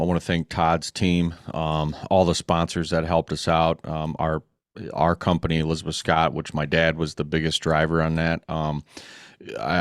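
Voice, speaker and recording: Deep monotone middle-aged guy, earnest, lots of pauses, dry close mic. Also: no room sound. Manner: earnest and halting, many pauses. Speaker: guest, racing club organizer. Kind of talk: casual podcast interview.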